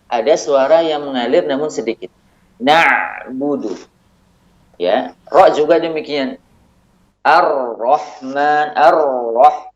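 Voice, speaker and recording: A man's voice: medium pitch, highs cut off. A man teaching Quran recitation rules, patiently explaining and stretching out example words to demonstrate them, often affirming with a short "ya". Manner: frequent affirming "ya" between points. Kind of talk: tajwid lesson.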